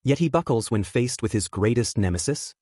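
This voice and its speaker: A man's voice: medium pitch, lively intonation, brisk, mellow, no echo, clean studio sound, close to an everyday voice. Man reading as a teasing rich teenage boy. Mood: mock-dramatic teasing. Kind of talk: read-out text-message dialogue in a story.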